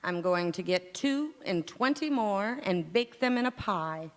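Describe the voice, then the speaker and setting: A woman with a medium-pitched, expressive voice performs live on a community theatre stage in a large, echoey indoor hall, acting a golden-age radio sitcom at a measured pace. Lightly acted, she plays a frazzled, hapless housewife overwhelmed by a cooking disaster, with dry comebacks and flustered wailing. Her mood comes across as dry and exasperated.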